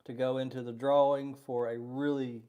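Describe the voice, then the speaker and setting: Casting: middle-aged male co-host, easygoing, rambling, relaxed live-stream banter. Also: medium pitch, moderate pace. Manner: easygoing, rambling, laughs often. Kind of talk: casual live-stream chat.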